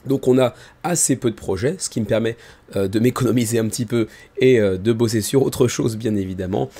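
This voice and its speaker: A man hosts in a casual, chatty way with a mellow, dark tone. His voice sounds tired and deliberately held back, soft and low in volume, spoken close to the mic at a medium pitch. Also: breathy edge. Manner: informal, chatty, self-deprecating. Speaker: host of a board game crowdfunding video show. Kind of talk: casual presenter talk, kept low and soft. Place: small room indoors. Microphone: microphone about ten centimetres from the mouth.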